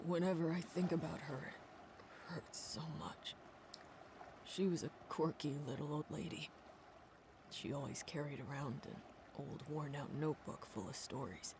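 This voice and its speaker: A man voicing a grieving young man in a video game who talks in a halting, tearful, soft way. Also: on the high side. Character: grieving young man missing his grandmother. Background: game music.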